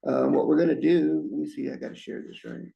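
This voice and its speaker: A man's voice: on the high side, fairly even intonation, fairly quick, vocal fry, dull audio. A man with slightly impeded speech from a swollen lip gives an informal, folksy update at a meeting as a staff presenter. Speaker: irrigation district staff presenter.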